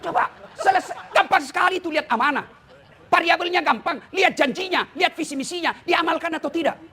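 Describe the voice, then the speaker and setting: High-voiced, bright joking male preacher. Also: fast talker, some chatter behind. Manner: teasing, addresses listeners as "Pak". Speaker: preacher and lecturer. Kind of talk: humorous sermon to officials.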